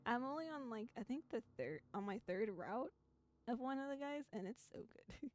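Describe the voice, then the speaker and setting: Over background music, a woman with a fairly high, expressive, slightly mellow voice streams a visual novel at a moderate pace. She switches between reading aloud and casual remarks, chatty and giggly throughout.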